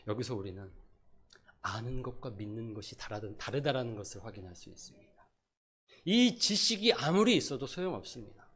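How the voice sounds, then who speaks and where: A middle-aged man preaching a sermon as pastor, moving between loud emphasis and soft asides, and acting out pleading prayers. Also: mid-range voice, expressive, brisk, husky. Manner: acts out prayers and quotes in a pleading voice.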